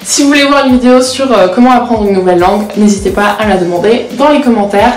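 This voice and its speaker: A 19-year-old law student and vlogger, a native Portuguese speaker, chats candidly in a casual confessional vlog, mocking herself and often hesitating. Her voice is a little high and she talks fast. The room echoes, with slight background noise.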